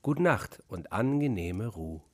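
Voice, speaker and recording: A man's voice: on the low side, sing-song, takes it slowly, exaggerated voice. A man voicing a kindly man who lets freezing animals into his forest hut, in a family reading of a rhymed storybook. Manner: exclaiming, warmly welcoming.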